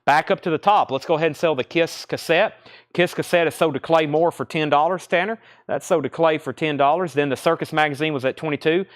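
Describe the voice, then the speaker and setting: A man's voice: a little high, fast talker. A man hosting a live record sale like an auctioneer, calling out items, prices, bids and names in unscripted sales patter.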